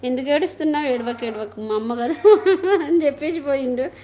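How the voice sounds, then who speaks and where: A woman's voice: high voice, animated, fairly quick, mellow. A middle-aged woman, chatting casually on a live stream, laughing often and greeting viewers.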